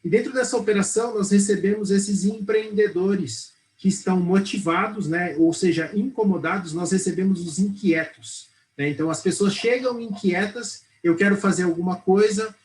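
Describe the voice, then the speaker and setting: High-voiced Brazilian man explaining startups. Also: darkish tone, poor audio. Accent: Brazilian Portuguese. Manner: fluent, explanatory, frequent "né" and "tá" tags. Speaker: interview guest, startup accelerator operations head. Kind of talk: TV studio interview.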